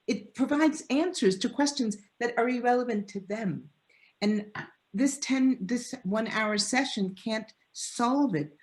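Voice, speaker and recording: This guest speaker is a professor answering a panel question via video call, giving a lecture-like reply. Her pitch runs on the high side with a darkish tone, and she speaks unhurriedly, earnestly and discursively, with restarts along the way.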